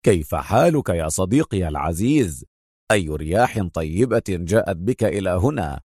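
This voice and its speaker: A man voicing a calm, quietly confident male hero in a spoken story, speaking low and controlled. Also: normal speed, no room sound, clean studio sound.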